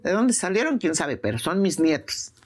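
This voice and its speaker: A woman's voice: lowish voice, big pitch swings, moderate pace. An older woman with a Mexican accent, speaking plainly and insistently in an emotional interview, repeating herself for emphasis. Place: prison.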